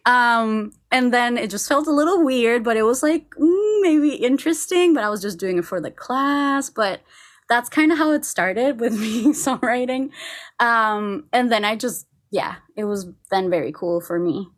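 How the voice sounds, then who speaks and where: A woman from Costa Rica, a singer, chatting casually on a podcast, with frequent laughs and fillers. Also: fairly high pitch. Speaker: singer and co-host.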